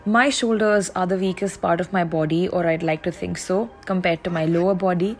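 A young woman with an Indian accent narrates a casual fitness vlog, with music playing behind her. Her voice is fairly low in pitch, steady in tone, and brisk.

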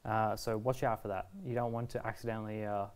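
Standing at a table in a shop's indoor video studio, a man in his twenties gives a casual, step-by-step product tutorial, reassuring and easygoing. His low voice is clear and resonant, fairly quick, with a flat delivery.

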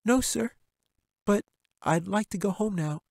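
A man voicing a polite, frightened little girl in a high, timid voice. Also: a little slow, vocal fry, no echo, studio quality, heavily acted.

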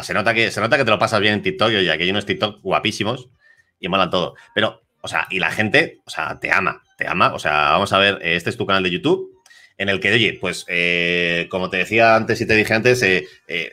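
A man hosts in a lively, slangy, rambling manner. His voice sits fairly low but has a bright, forceful edge. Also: a little fast. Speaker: interviewer host. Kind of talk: casual chat.

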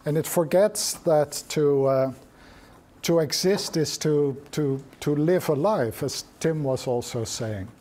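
A middle-aged man lecturing at a seminar, with a voice that sits a little higher than most men's. He thinks aloud as he goes, pausing often and restarting his sentences. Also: a little mellow. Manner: reflective, thinks aloud with frequent restarts and ums. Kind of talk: academic seminar talk.

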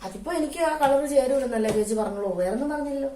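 A woman's voice: high voice, racing, dark tone, roomy sound, far from the mic, slight background noise, close to an everyday voice. A woman with a Kannur Malayalam accent playing a trusting young daughter-in-law who asks earnest, surprised questions in a family comedy skit.

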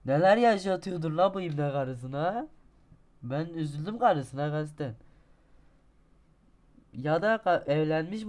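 A young gaming streamer gives let's-play commentary on his own gameplay in a mid-range voice. Talking to himself, he boasts, then grows exasperated. He curses and breaks into sudden shouting at the game.

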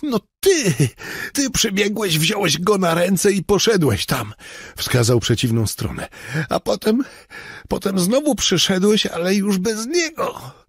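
A man's voice: sing-song, measured pace, slightly rough, dry recording, full character voice. A man doing Robert, a panicked young man. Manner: shaky, high, pleading outbursts. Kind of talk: audiobook character reading.

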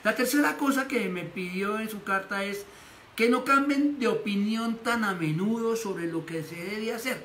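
A man's voice: sits high, moderate pace, a bit bright. A man preaching a sermon as pastor, animatedly acting out the voices he quotes. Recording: echoey room with faint noise.

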